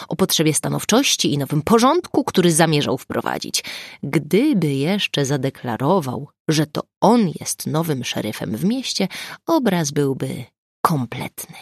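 A woman narrating a novel as an audiobook in an expressive, wry storytelling manner. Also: lowish voice, gravelly, no echo, clean studio sound.

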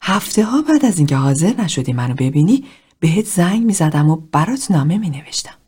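A woman reading a tender, yearning woman in a therapy group, speaking softly in a half-whisper. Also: lowish voice, very animated, slightly rough.

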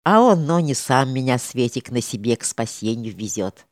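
A woman's voice: a bass voice, expressive, moderate pace, darkish tone, dry recording, clean studio sound. A woman voicing a stern, gloomy monk, a former soldier, speaking firmly and soberly. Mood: stern grim. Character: stern red-haired male monk, grim ex-soldier in chains.

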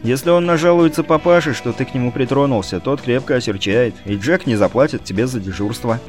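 A man's voice: mid-range voice, fairly quick, a little mellow, soft background music, close to an everyday voice. A man voicing a phlegmatic bodyguard who mutters dry, sarcastic remarks. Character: phlegmatic, sardonic male bodyguard.

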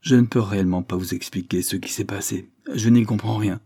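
A man voicing a distraught, nervous young gentleman in a Victorian audiobook, speaking anxiously with excited outbursts. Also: lowish voice, fairly quick, husky, dry recording, clean studio sound.

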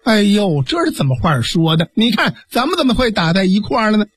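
A fierce, scheming innkeeper woman scolds in a husky voice, as a male storyteller puts her on. Her pitch leaps about with every complaint, and the sound is close and dry. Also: big pitch swings, brisk, a bit bright, no room sound, heavily acted. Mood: flustered. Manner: scolding, indignant. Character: scheming, fierce middle-aged female innkeeper.

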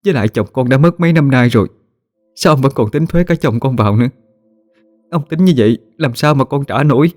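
A man's voice: on the low side, a little fast, hardly any pauses, mellow, no room sound, studio quality, close to an everyday voice. A man voicing a poor widowed mother who begs humbly in a told story. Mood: pleading. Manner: pleading, humble.

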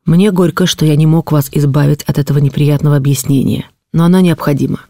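Give me a stern, contemptuous nobleman with a mellow voice, as a woman narrator puts him on in an audiobook. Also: sits low, steady tone, dry recording, clean studio sound. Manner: measured, cutting, contemptuous. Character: stern cold middle-aged nobleman, contemptuous. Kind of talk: audiobook reading of a classic novel.

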